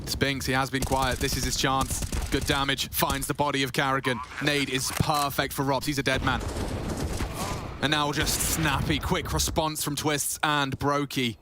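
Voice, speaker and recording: A man's voice: medium pitch, level tone, normal speed, noisy background. A man doing live esports play-by-play commentary in dramatic, short punchy phrases.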